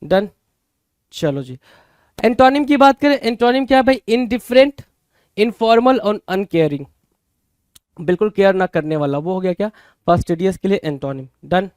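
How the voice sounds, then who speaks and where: A man's voice: sits high, animated, normal speed, long pauses, darkish tone, clear, resonant tone, no echo, studio quality. A man teaching vocabulary for an exam-prep lesson with an Indian English accent, repeating words and posing rhetorical questions to his students. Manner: repetitive, rhetorical questions, addresses students as "bhai".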